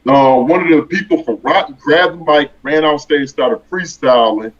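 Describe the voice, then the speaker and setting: A man telling a long story as an interview guest, acting out his own thoughts with lively bursts. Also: on the high side, moderate pace, lo-fi sound. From American.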